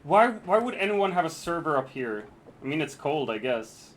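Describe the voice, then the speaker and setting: A man's voice: on the high side, sing-song, normal speed, slight background noise. A man streaming a co-op game with friends, joking, swearing and cheering his teammates on. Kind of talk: casual gaming chat with friends.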